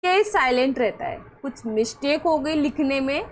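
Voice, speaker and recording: A woman's voice: sits high, animated, moderate pace. A woman teaching English pronunciation rules in a patient classroom manner, repeating each rule and often asking whether her students have understood. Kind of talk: classroom lesson.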